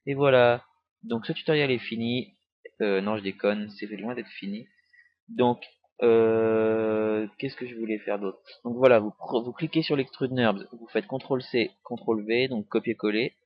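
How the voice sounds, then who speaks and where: A young man giving a casual software tutorial, rambling with many hesitations and small jokes, recorded on a cheap desktop mic. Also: medium pitch, steady tone, normal speed. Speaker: tutorial maker. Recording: dry, dull lo-fi home recording.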